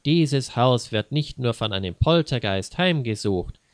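A man's voice: medium pitch, lively intonation, measured pace, no room sound, close to an everyday voice. A man voicing a self-important, easily offended male ghost hunter who speaks grandly. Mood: pompous. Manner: grandiose, indignant.

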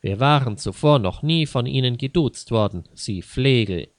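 A man's voice: mid-range voice, animated, moderate pace, no echo, studio quality, lightly acted. A man voicing an indignant middle-aged mother who scolds sharply in a read-aloud story.

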